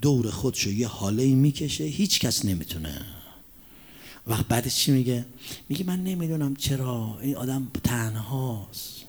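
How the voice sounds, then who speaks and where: A man preaching a religious sermon, asking the audience rhetorical questions and reciting Arabic quotations slowly and deliberately. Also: medium pitch, animated. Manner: drops to a hushed near-whisper for emphasis.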